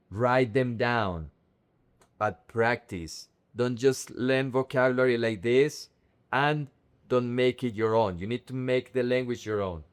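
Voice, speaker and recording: Slow, careful man teaching Spanish. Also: medium pitch, clear, resonant tone. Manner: enunciates each word, repeats it slowly with stressed syllables. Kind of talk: slow, careful language lesson.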